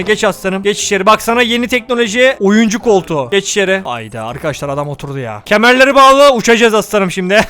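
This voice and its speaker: A man giving playful, excitable commentary on a prison game, joking and shouting at the characters. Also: high voice. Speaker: gaming YouTuber.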